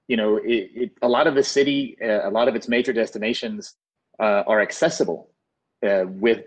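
A man in his forties from the United States, speaking on a webinar panel over a video call in a relaxed, conversational way with frequent "you know". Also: lowish voice, slightly rough, poor audio. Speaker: panelist, urban design expert. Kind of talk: webinar talk. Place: indoors, plain room. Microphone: earbuds on video call.

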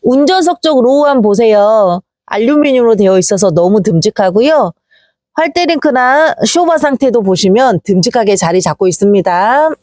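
A woman delivers a slick, upbeat used-car sales presentation in a fairly high voice. Her pitch swings in a very animated way as she walks through the vehicle. The sound is close and dry, with little room echo.

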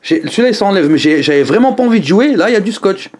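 Talking quickly in a high-pitched voice, a man does a casual food review vlog from home. He addresses the camera directly, with animated exclamations and comments aimed at his audience.

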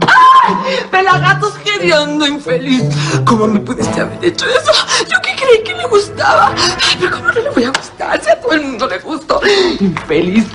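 A vain, theatrical mother in a telenovela who wails and curses over a lost lover. Her voice is very high and swings widely in pitch, and loud music plays underneath. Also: wildly swooping pitch, moderate pace, exaggerated voice. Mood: wailing. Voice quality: melodramatic sobbing wails. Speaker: actress in a telenovela scene.

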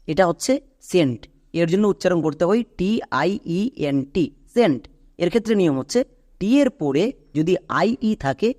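A man's voice: sits high, darkish tone. A man teaching English pronunciation, patiently spelling out letters and repeating sounds. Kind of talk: tutorial explanation.

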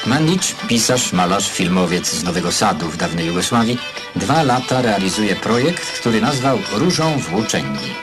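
A man reading newsreel voice-over narration in a measured announcer delivery. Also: lowish voice, sing-song. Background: loud music bed.

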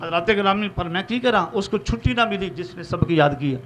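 High, bright-voiced older preacher. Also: male voice, animated, fairly quick. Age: 60s. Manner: fervent, calls on the crowd to respond. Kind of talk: sermon with chanted verse.

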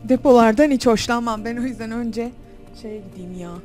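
Speaking at a moderate pace in a dark-toned, somewhat high voice, a young woman provides let's play commentary on a horror game while soft music plays in the background. She's recorded on a desk mic with facecam. Jumpy throughout, she chats to herself and shrieks at the scares.

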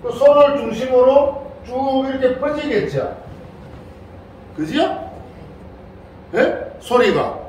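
A man's voice: extremely high pitch, animated, takes it slowly, long pauses, a little mellow, slight background noise. An older man, a Buddhist monk, gives a playful Dharma lecture to a congregation and keeps prompting his listeners with questions. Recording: very echoey hall, voice far from the mic.

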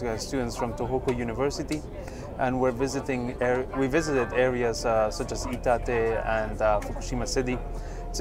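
A man in his thirties from Chile, a postdoctoral researcher, speaking thoughtfully with frequent fillers in an interview inside a moving tour bus. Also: medium pitch.

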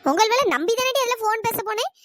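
Cartoon role: woman as a shrill orchard-owning aunt, fast-talking and scolding. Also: lively intonation, fairly bright tone, no echo. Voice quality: squeaky, sped-up cartoon voice. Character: bossy village woman orchard owner, scolding. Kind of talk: cartoon storytelling.

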